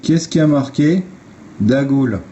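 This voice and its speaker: A man's voice: mid-range voice, slow pace, mellow, lo-fi sound, a little hiss or hum. A man on a phone livestream, talking to viewers in a blunt, informal way and explaining step by step. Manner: blunt, informal, swears, addresses viewers directly. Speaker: livestream host. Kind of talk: casual explanatory livestream talk.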